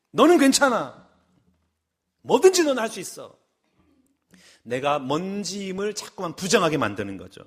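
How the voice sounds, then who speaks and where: A man's voice: high-pitched, a bit bright. A man preaching a sermon as senior pastor, acting out quoted voices as he goes. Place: church sanctuary.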